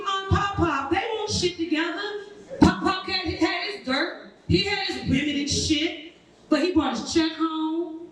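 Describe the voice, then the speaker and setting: Woman, thirties, stand-up comic, profane and teasing, high-pitched, distant echoey sound. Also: a bit bright. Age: 30s. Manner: brash, profane, teasing the crowd. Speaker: stand-up comedian. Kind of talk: stand-up comedy set. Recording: echoey room, mic far off.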